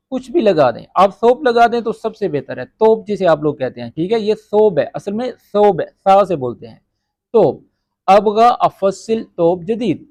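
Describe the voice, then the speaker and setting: A man teaching spoken Arabic phrases, saying each phrase slowly and checking with his listeners as he explains. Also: sits high, a little mellow, no echo. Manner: repeats Arabic phrases slowly, often asks "ٹھیک ہے؟".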